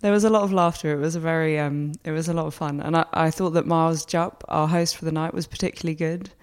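A woman hosting a magazine podcast conversationally, her voice somewhat gravelly and slightly tired. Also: sits low, fairly even intonation, fast talker, darkish tone. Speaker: podcast host.

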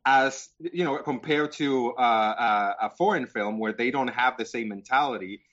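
A man making deliberate, argumentative points in a casual podcast chat. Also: medium pitch, fairly bright tone, dull audio.

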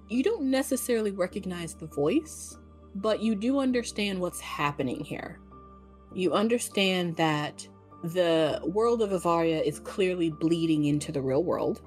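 A woman narrating a tabletop game as game master, in a casual, quick way with fillers. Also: low voice.

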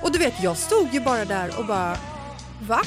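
Woman cohost cracking jokes, slightly high voice, music behind. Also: very animated. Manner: joking, exclamatory. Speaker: podcast co-host. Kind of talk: casual chat.

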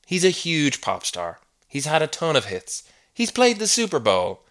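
A man's voice: fairly high pitch, wildly swooping pitch, normal speed, a bit bright. A man hosting a comedy podcast, delivering a scripted monologue with mock-exasperated, sardonic asides.

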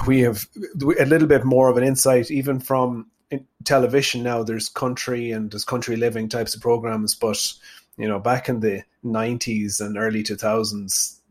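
A man with a west of Ireland accent speaking conversationally as an interview guest, thoughtful and often rephrasing himself. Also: lowish voice. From Sligo, west of Ireland. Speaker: podcast guest, performance nutritionist.

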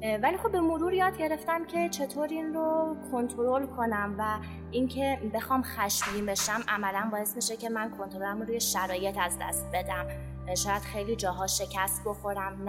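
A woman reflecting calmly on her own experience in a round-table podcast, pausing with fillers. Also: medium pitch, long reverb tail, over music. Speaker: podcast guest.

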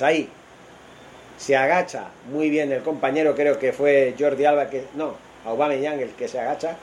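A man's voice: medium pitch, a little mellow, a little hiss or hum. A man with an accent from Spain giving casual, improvised football commentary, opinionated and thinking aloud as he goes. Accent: Spanish from Spain. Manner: informal and opinionated, thinking aloud and correcting himself. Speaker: football commentator on an online radio stream.

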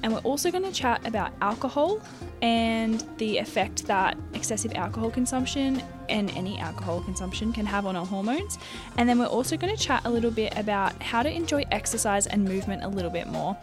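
Woman, Australian accent, higher voice, casual podcast host, effusive, giggly, sweary, music behind. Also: animated, brisk. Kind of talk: casual chat.

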